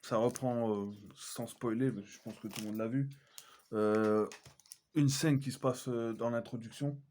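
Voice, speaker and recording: A man talks through his film collection in a relaxed, casual way. He hesitates often, filling pauses and correcting himself mid-sentence, at an ordinary middle pitch. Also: slight background noise. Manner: chatty, hesitant, many fillers and self-corrections. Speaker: collector vlogger. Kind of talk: casual unboxing chat.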